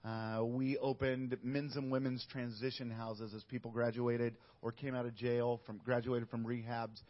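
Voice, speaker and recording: Telling his own story as a guest on a relaxed interview, this middle-aged missionary keeps a steady, medium-pitched delivery broken up by pauses, restarts and plenty of "uh"s. Sound quality is muffled and lo-fi.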